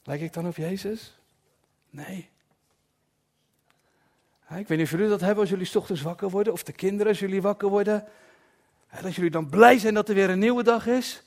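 A man preaching a sermon in a personal, confessional way, dropping to soft asides at times. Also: high voice, fairly quick, long pauses.

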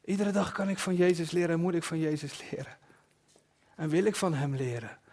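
Guy preaching a sermon, kinda high and husky voice, gets quiet and personal sometimes. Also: a little fast. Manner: personal, confessional, with soft dropped asides.

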